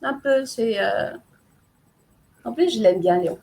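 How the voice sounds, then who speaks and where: A playful author guest on a casual live chat, this woman speaks Portuguese as her first language and comes from a Portuguese-speaking country. Her voice sits on the high side and moves a little slowly, gravelly yet a little mellow, with a faint hiss or hum. She teases and pokes fun at herself.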